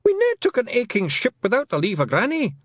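A man's voice: wildly swooping pitch, fairly quick, no room sound, studio quality, heavily acted. Shrieking little Scottish pixie man. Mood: frantic. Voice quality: shrill, gabbling. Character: frantic little male pixie chieftain, sly.

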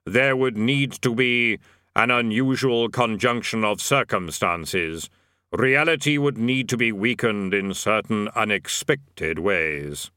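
A man voicing Death, a tall skeletal reaper who speaks slowly, gravely and dryly. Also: fairly low pitch, bright, forceful tone, no echo. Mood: solemn, dry. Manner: measured, grave, dry.

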